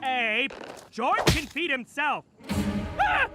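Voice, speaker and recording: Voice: high-pitched, wildly swooping pitch, slow pace, full character voice. An actor playing a friendly, dim-witted jungle man who talks earnestly in simple broken third person for a cartoon. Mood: baffled, alarmed. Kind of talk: cartoon voice acting. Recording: music behind.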